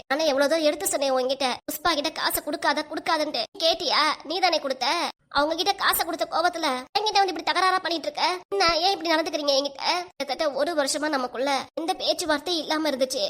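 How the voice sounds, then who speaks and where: A nagging older grandmother from a cartoon rattles off complaints at breakneck speed in a high voice with a southern Tamil Kanyakumari accent, voiced by a woman. She scolds and fusses without pause. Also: fairly bright tone. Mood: arguing. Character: scolding, fussy older grandmother and mother-in-law. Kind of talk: cartoon voice acting.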